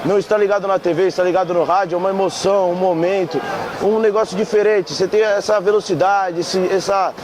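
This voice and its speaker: Young man, Brazilian accent, high voice, casual interview, street noise. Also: fairly even intonation, fast. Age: 20s. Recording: outdoor traffic noise.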